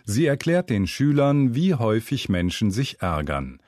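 Reading a scripted funny story a little slowly, this man has a medium pitch and a wry, narrative delivery full of lively intonation. A close studio mic captures him with no room sound at all.

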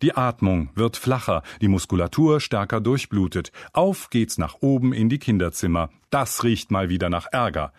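A man's voice: fairly low pitch, no room sound. A man narrating a scripted humorous story in a wry, storytelling manner, recorded close on a studio mic. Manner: wry, storytelling with lively intonation.

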